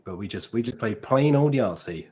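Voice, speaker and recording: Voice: medium pitch, lively intonation, moderate pace, dark tone. A stream co-host giving wry, dry explanations in casual chat.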